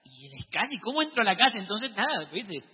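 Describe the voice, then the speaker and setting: High-voiced man telling a lively testimony. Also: quick pace, breathy edge, big-room sound, dull audio. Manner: lively, dramatic storytelling with shouted quotes. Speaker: speaker sharing a testimony. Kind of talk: storytelling testimony.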